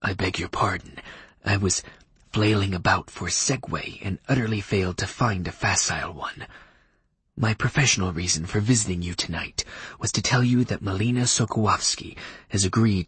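A man voicing a hushed, stuffy old vampire lawyer. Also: deep voice, husky, no room sound, full character voice. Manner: stuffy, archaic, clipped formal diction; quiet, half-whispered delivery.

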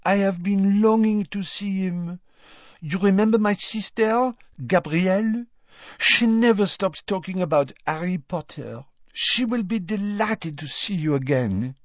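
A man's voice: mid-range voice, big pitch swings, takes it slowly, a little mellow, no echo. A man voicing a graceful, self-assured young woman with an airy, lilting, sweetly condescending manner. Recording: dull lo-fi audiobook recording.

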